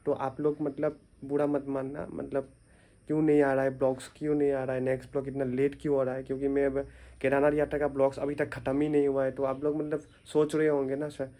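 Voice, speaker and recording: एक युवा आदमी कमरे में फ़ोन पकड़कर अपने दिन के बारे में बिखरे ढंग से बात करता है, बीच-बीच में बार-बार "मतलब" कहता है।. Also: male voice, medium pitch, completely flat delivery, quick pace, warm tone. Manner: rambling, many fillers, tired. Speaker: vlogger and teacher. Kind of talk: casual vlog to camera. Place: small room indoors. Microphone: phone at arm's length.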